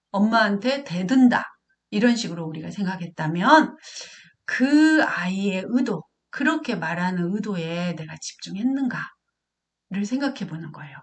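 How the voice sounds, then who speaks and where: A middle-aged woman lecturing parents as a counselor. She asks questions and answers them herself. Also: mid-range voice. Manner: acts out quotes of parent and child in a raised voice.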